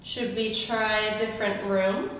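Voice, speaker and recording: Woman investigator, mid-pitched, casual questions, far from the mic in a very echoey house. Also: steady tone, unhurried, fairly bright tone. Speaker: paranormal investigator. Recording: very echoey room, distant mic, rumbling noise.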